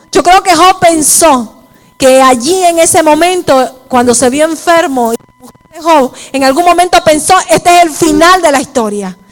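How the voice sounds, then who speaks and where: A woman preaching a sermon at a women's church service, mixing personal testimony with preaching and often asking her listeners if they follow. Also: high voice. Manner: repeats "¿me entiende?" to the listeners.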